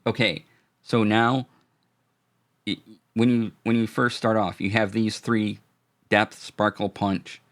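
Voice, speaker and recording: In a low, easy voice, a man explains audio gear on a live stream, frequently breaking off and starting over amid fillers. He's warm toward the chat viewers he greets, and his microphone is a studio dynamic model.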